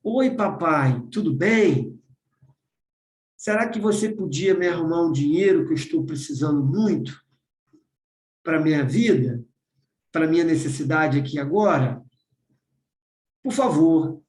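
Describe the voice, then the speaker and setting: A gentle daughter asks politely and meekly for money, voiced by a man reading her letter. His voice drops low and soft in an echoey room. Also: lively intonation, measured pace, pauses often, recorded from a distance. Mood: pleading. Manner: gentle, pleading.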